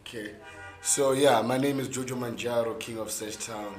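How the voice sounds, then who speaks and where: A young man with a South African accent and a hoarse, worn voice, chatting casually in an interview with emphatic, repeated words. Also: medium pitch, steady tone, moderate pace, over music. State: hoarse from gigs the day before. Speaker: interview guest, content creator and musician. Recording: echoey room with faint background noise.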